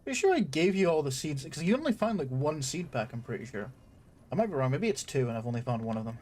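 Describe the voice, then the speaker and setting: A man's voice: fairly high pitch, sing-song, fast talker, darkish tone, slight background noise. A man giving casual gameplay commentary, chatty, laughing often and swearing freely. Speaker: gaming streamer.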